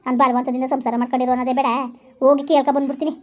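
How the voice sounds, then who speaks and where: This is a tired, worried village parent in a homemade family skit, as a woman puts on a lower voice. The lament is slow and resigned, in rural Karnataka Kannada. The voice carries no flicker of hope. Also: level tone, darkish tone, muffled recording, lightly acted. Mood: weary lament. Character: worried middle-aged village parent of a bride.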